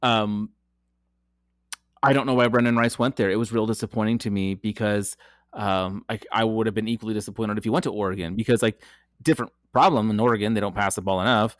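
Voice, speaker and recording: A man's voice: lowish voice, steady tone, fairly quick, no room sound. Chatty man with a dry sound. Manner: chatty, frequent ums and restarts, laughs often. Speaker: podcast co-host. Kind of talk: casual sports chat.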